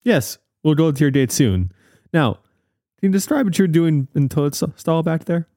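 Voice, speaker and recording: A man's voice: a little high, animated, moderate pace, dark tone, no room sound, studio quality. A man playing an earnest, insistent TV news investigative reporter in a mock-serious parody report. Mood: probing.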